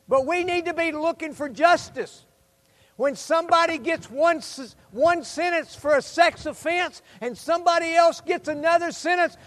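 Speaking as a pastor, a man with an extremely high-pitched voice preaches a fervent, exhortative sermon, appealing directly to listeners. He swings between loud emphasis and hushed asides, and hall reverb surrounds the recording.

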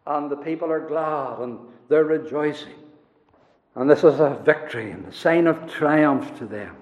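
Man, fervent preacher, high voice, echoing church hall. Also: normal speed. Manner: fervent, repetitive preaching with sudden swells and drops. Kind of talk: sermon. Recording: roomy hall reverb, dull sound.

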